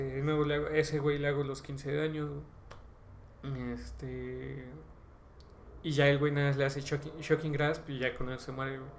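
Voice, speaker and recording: A man with a Mexican accent tells a tabletop game session as a podcast host, slangy and rambling. His voice sits slightly high with a gravelly fry. The room gives it a noticeable echo, with faint ambience behind. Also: a little hiss or hum. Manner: slangy, filler-heavy, ends phrases with "güey"; rambling, animated retelling with bursts of laughter.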